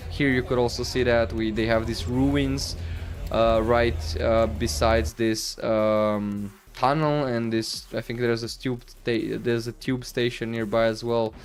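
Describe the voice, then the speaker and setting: A young man from the Balkans chatting casually on a stream over vlog footage, rambling with lots of fillers and laughing easily. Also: mid-range voice. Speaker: streamer host.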